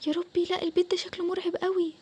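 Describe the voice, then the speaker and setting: A woman's voice: very high-pitched, flat delivery, a little mellow, voice pushed up. A woman with an Egyptian accent voicing a frightened, cautious young girl who pleads anxiously. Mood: scared worried. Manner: worried pleading, quick. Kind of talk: storytelling for an animated game video.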